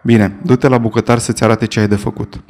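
Ruthless male sea captain, curt commands, mocking, mid-pitched, read by a man, storybook. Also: level tone, a little mellow, lightly acted. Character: brutal, cold-hearted male sea captain.

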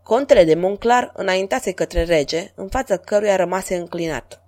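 A woman narrating a historical story in a steady, measured reading voice. Her pitch sits in the middle range for a woman.

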